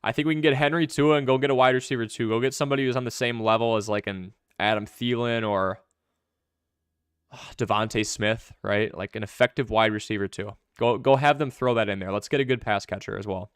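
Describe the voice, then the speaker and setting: A young man hosting a live fantasy football stream, answering viewer questions in quick, chatty commentary. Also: mid-range voice, fairly even intonation, smooth, no echo, studio quality. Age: young adult.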